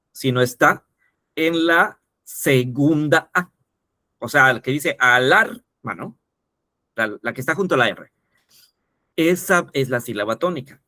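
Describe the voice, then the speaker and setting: A man's voice: medium pitch, sharp tone, no echo, studio quality. A man teaching a lesson, explaining step by step and often checking in with the listener. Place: teaching video.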